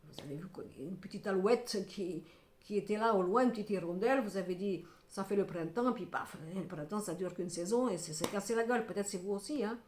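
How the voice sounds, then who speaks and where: A woman's voice: mid-range voice, a little fast, darkish tone, a little hiss or hum. Middle-aged woman tarot reader, emphatic, scolding then consoling, in an echoey room. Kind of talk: tarot reading to camera.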